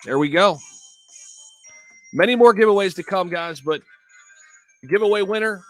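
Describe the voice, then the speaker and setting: A man's voice: high voice, normal speed, faint music behind. A man hosting a casual crypto livestream, talking to viewers in hyped, slangy crypto bro style.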